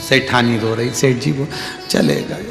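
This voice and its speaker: A man giving a devotional katha sermon, animated and humorous, acting out voices in his stories. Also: medium pitch, a little slow, gravelly. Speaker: Shiv Purana katha preacher. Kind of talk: devotional sermon with comic storytelling. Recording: echoey hall with faint music.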